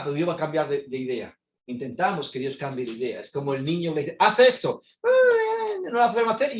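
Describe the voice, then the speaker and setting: A man teaching a Bible class, animated and acting out voices with sudden shouts. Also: a little high. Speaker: preacher. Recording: echoey church room, faint noise.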